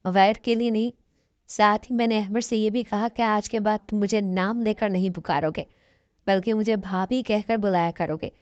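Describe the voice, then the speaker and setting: A woman reading a first-person story aloud as a steady, even scripted narration. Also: mid-range voice, no room sound, lo-fi sound.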